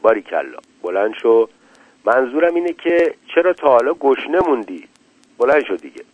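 A man voicing a blunt young husband who turns gentle and coaxing, in an old radio story. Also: mid-range voice, sing-song, no room sound. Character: hungry young husband, gruff but tender. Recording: tinny dry lo-fi radio recording.

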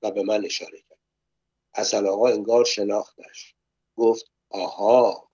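A man narrating a story aloud in a calm, measured way. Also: lowish voice, husky, dry recording, highs cut off.

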